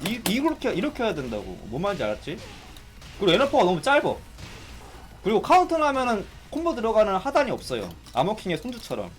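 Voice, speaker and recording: A man giving excitable live commentary on a fighting game, exclaiming and complaining as he plays. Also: high-pitched, a little hiss or hum. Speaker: gaming streamer.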